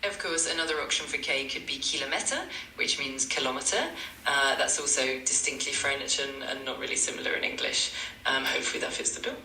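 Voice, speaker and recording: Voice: mid-range voice, fairly even intonation, a little fast, bright, forceful tone, reverberant, distant mic, slight background noise, poor audio. A synthetic AI language tutor voice, polite and eager to please, repeating stock phrases. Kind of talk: chatbot tutoring replies.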